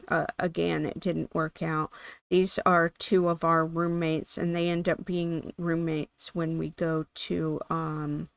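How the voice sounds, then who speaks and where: A woman talking casually over her gameplay footage in a meandering, chatty way, her voice hoarse from being sick. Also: lowish voice, no room sound. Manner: meandering, self-correcting, chatty. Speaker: gaming channel host.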